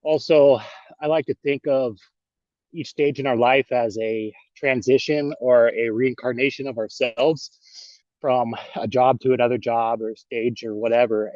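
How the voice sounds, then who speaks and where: A man's voice: mid-range voice, a little mellow, no room sound. Guy out of breath rambling on a muffled dry video call. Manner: rambling, with many fillers. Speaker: workshop participant, yoga instructor. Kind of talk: casual self-introduction on a video call. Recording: dull lo-fi call audio.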